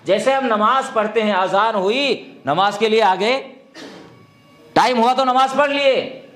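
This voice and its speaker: A man delivers a sermon, urging his listeners on and firing rhetorical questions at them. His voice sits high for a man. The recording carries a noticeable room echo. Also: fairly bright tone. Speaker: preacher.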